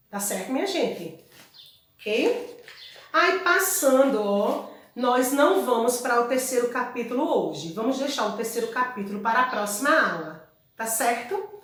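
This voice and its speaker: Woman, teacher explaining a lesson, fairly high voice, very echoey room. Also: fairly bright tone. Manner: explanatory, checks in with tags like "ok?" and "tá?". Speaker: Spanish teacher. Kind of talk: online class lecture. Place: room at home.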